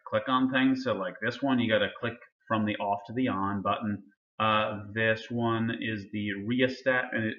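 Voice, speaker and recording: A man's voice: medium pitch, fairly bright tone, roomy sound, dull audio. A male instructor casually talking students through a lab assignment, with many fillers. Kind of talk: recorded lab walkthrough lecture.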